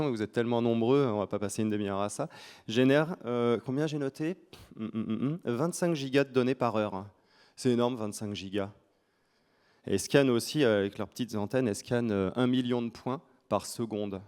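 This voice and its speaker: A man's voice: medium pitch, a little mellow. A man with a French accent giving an informal conference presentation in a colloquial, joking, self-deprecating manner. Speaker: conference speaker.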